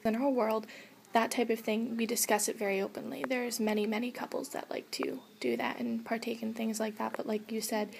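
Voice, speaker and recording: Young female interviewer, probing and halting; gravelly fry in the voice. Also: a little high, a little mellow. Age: young adult. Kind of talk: mock street interview.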